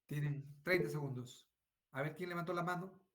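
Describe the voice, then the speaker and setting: A man's voice: fairly high pitch, normal speed, fairly bright tone. A middle-aged man giving an online medical lecture, repeating phrases and asking "right?" often. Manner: frequent tag questions and fillers.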